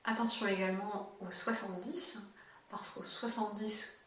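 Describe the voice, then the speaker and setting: A French-speaking woman teaching German, who explains patiently and repeats each word slowly for practice. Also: medium pitch, steady tone, fairly bright tone, heavy reverb, far from the mic. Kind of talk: language lesson, slow clear explanation.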